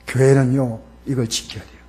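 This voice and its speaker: A man's voice: medium pitch, little pitch movement, a little fast, mellow. A man preaching a Sunday sermon as pastor in a church, emphatic and calling on the congregation to repeat after him. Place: church sanctuary.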